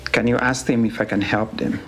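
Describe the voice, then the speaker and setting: A man's voice: medium pitch, fairly even intonation, fairly quick, fairly bright tone, slight background noise. A man who works as an oxygen engineer, telling his story plainly in a documentary interview indoors. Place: indoor room. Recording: interview with music bed behind.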